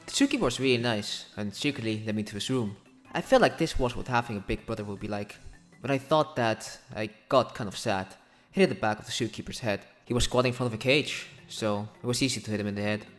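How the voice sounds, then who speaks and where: A man voicing a troubled boy who flatly recounts a dark memory. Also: lowish voice, quick pace, long reverb tail, soft background music, close to an everyday voice. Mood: detached.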